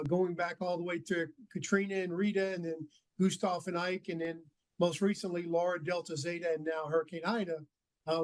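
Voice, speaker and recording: A man who is a state emergency preparedness official giving earnest advice in a news interview, with some fillers. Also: high voice.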